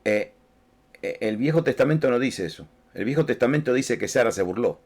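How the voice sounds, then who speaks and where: Delivering a sermon in a Rioplatense Spanish accent, this pastor addresses the congregation directly and conversationally, frequently repeating words. He sounds animated and brisk, with a medium-pitched, slightly mellow voice.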